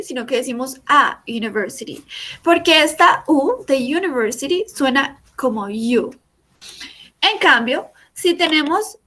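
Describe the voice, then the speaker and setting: A woman's voice: high-pitched, sharp tone. A woman teaching a class online through a video call, explaining patiently step by step and repeating examples. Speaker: English teacher.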